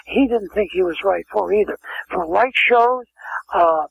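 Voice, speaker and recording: Speaking a little slowly in a creaky, slightly rough voice that sits high, an older man shares wandering anecdotes as a guest in a casual storytelling interview. He keeps restarting and slipping into asides, and the sound is muffled, lo-fi and phone-quality.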